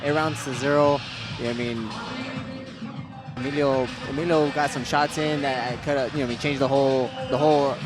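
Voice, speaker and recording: A man's voice: medium pitch, steady tone, a little fast, music in the background. A man chatting casually as a boxing co-commentator, with conversational tags. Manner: repeats "you know" as a conversational tag. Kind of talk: casual fight chat.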